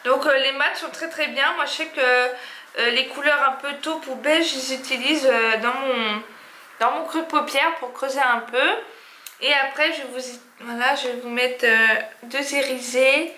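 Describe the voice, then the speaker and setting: A woman chats through a makeup review in a casual, halting way, often pausing on fillers and starting phrases over. Her voice sits a little high and sounds bright and sharp. The recording has a noticeable echoey room sound. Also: fairly even intonation, slight background noise. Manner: hesitant, many fillers and restarts. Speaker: beauty vlogger.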